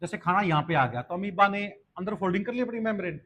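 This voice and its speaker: A man preparing students for a biology entrance exam lectures fast in a high voice, asking questions he answers himself and calling them "beta," with science in his pronunciation. The audio is dull with a little hiss or hum.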